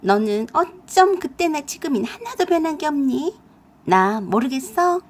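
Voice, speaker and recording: A brazen young woman played by a female narrator taunts in a raised, shrill voice. Her delivery swings wide and high with a husky edge. She is the scheming ex-girlfriend in a spoken drama. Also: very animated, measured pace, full character voice. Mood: mocking.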